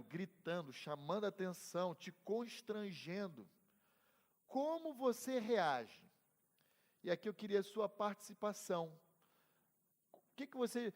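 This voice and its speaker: A middle-aged Brazilian man, a pastor teaching a Bible class conversationally, telling personal stories with humor and asking the class questions. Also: high-pitched. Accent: Brazilian Portuguese. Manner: conversational, asks the class questions and calls on members. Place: church hall. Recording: reverberant church hall.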